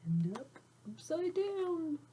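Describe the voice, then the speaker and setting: Reading a children's picture book aloud like a teacher, a woman speaks in a very high-pitched, sing-song voice with a dark tone, going slowly over a little hiss or hum. She reads expressively and adds simple explanatory asides for young listeners.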